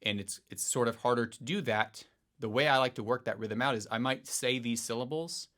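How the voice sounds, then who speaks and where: A man teaching a piano lesson, explaining rhythm in a relaxed way and counting beats aloud in a sing-song voice. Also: medium pitch, a little fast. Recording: faint piano music underneath. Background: piano playing.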